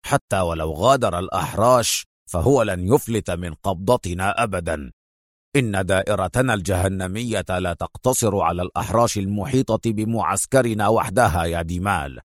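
A man's voice: fairly low pitch, no room sound, clean studio sound, natural voice. A man doing a seething villain general. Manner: slow, seething, drawn-out words. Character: furious villainous male general, bitter.

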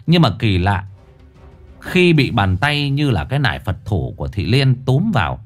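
A man narrating a ghost story in a colloquial, crude and dramatic manner. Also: on the low side.

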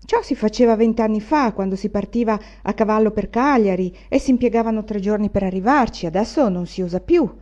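A woman voicing a restless, quick-tempered young male student, speaking in an impassioned, brooding way. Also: mid-range voice, warm tone, muffled recording, lightly acted. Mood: teasing.

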